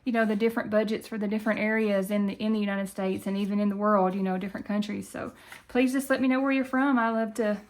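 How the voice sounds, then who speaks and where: A woman's voice: mid-range voice, fairly even intonation, fast talker, hardly any pauses. A woman from Tennessee with a country Appalachian Southern accent, chatting casually and folksily to viewers as the host of a budgeting video.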